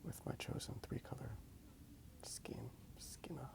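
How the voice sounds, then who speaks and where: Sitting in a park, a man draws and murmurs along in soft ASMR style, taking his time, repeating himself, and directing questions at his listener. He hosts an ASMR drawing video full of gentle, hushed rambling.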